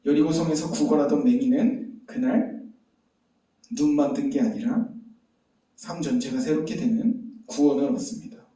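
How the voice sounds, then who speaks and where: A man's voice: fairly high pitch, normal speed, warm tone. A man preaching a sermon as pastor, telling a story and asking the listeners rhetorical questions. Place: church sanctuary. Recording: very echoey hall, distant mic.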